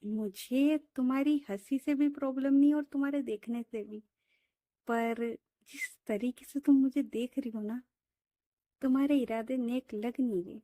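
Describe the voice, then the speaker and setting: A woman's voice: high voice, a little slow, dark tone, no room sound, studio quality. A woman voicing a shy young woman in love who scolds her partner in a coy way.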